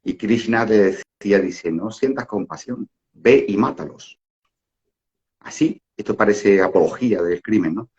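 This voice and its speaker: A man's voice: fairly low pitch, a little slow, darkish tone. A middle-aged man giving a casual spiritual talk, rambling with fillers and restarts and frequent rhetorical questions. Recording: dull lo-fi audio.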